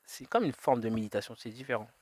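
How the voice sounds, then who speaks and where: A man's voice: medium pitch, fast talker, darkish tone, breathy edge, dry recording. A man vlogging outdoors, talking his thoughts through in a drifting monologue, full of fillers, restarts and detours. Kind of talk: rambling reflective monologue. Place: outdoors in nature.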